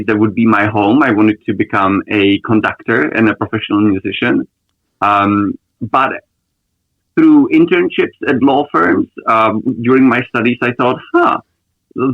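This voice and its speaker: A man from the Republic, a lawyer answering interview questions in a thoughtful, measured way with frequent ums. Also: medium pitch, no echo, phone-quality sound. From Czech Republic. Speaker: lawyer guest.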